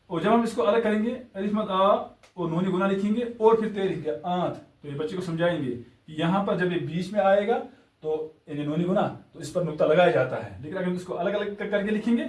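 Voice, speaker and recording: A man teaching a lesson, patiently explaining and repeating examples slowly while pointing things out. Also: high-pitched, a little mellow. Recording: echoey room, voice far from mic.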